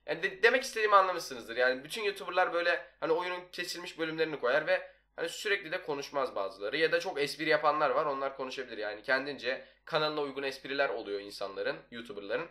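A man's voice: fairly high pitch, expressive, quick pace, hardly any pauses, pushed and bright. A young man giving casual, nonstop gameplay commentary as a video host. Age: young adult. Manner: chatty, talks nonstop. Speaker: YouTuber, gaming video host. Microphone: desktop microphone.

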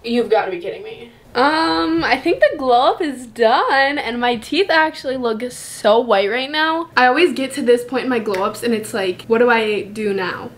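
Young woman, American accent, higher voice, slight lisp, casual beauty vlog chat, echoey room. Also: animated, moderate pace, hardly any pauses. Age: young adult. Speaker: beauty vlogger. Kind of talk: casual chatty tutorial. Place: indoors in bedroom and bathroom. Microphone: camera a short distance away. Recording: echoey room, clear background noise.

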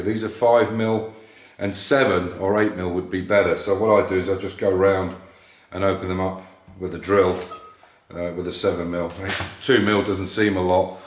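A man in his sixties explaining metal fabrication steps while working on a classic car, thinking aloud with plain fillers. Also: deep voice. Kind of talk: workshop how-to narration. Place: large indoor car workshop. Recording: echoey workshop room.

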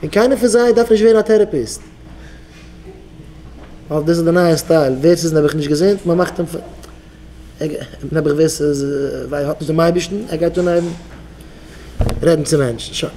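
Mellow-voiced rabbi exhorting his students. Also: on the high side, brisk, pauses often, a little hiss or hum. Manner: exhorting, leads the crowd in call-and-response chants. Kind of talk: Yiddish sermon to yeshiva students.

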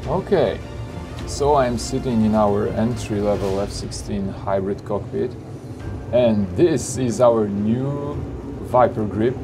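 A fairly low-pitched male voice takes its time presenting flight simulator cockpits. The pitch is upbeat and sales-driven, often padded with "you know" and "of course," all set against background music.

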